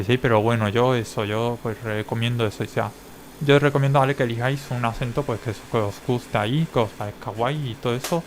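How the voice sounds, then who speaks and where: A man with a Spain Spanish accent talks casually to his viewers. His explanations wander, and he checks in with the listener after nearly every phrase. His voice sits at a middle pitch over a faint background noise. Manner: rambling, tags many phrases with a questioning check. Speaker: language-learning vlogger.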